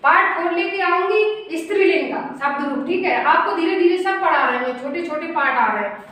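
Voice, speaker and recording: A woman's voice: very high-pitched, lively intonation, brisk, a bit bright. A woman teaching Sanskrit grammar, drilling word forms aloud and checking in with her students. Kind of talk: classroom grammar lesson. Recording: very echoey room, voice from far off.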